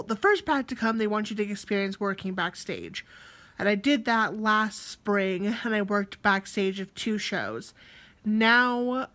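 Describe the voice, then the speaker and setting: A young woman talks through her week in a loose, casual vlog. She rambles, stops to correct herself and fills gaps with "um" and "like" at an everyday middle pitch. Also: fairly bright tone. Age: young adult. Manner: rambling, self-correcting, lots of fillers. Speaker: college theatre student vlogger.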